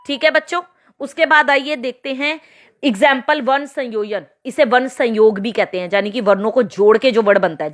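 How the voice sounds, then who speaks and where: A woman's voice: fairly high pitch, a bit bright. A woman teaching a grammar lesson to children, spelling out letters step by step and checking with questions. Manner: slow, spelled-out explanations with frequent checking questions.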